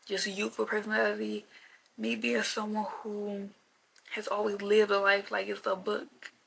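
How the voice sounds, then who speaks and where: A woman's voice: medium pitch, completely flat delivery, a little slow, creaky, fairly bright tone, breathy edge, rough recording. A woman in her mid-twenties rambling casually to camera in a rant, repeating herself and filling with "like" a lot. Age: 20s. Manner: chatty, repetitive, lots of "like" fillers. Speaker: vlogger.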